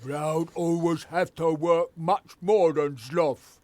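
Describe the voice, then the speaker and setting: An actor playing a dim-witted male troll worker who speaks in broken grammar, slow and simple. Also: on the high side, steady tone, darkish tone, no echo. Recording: game audio with faint music.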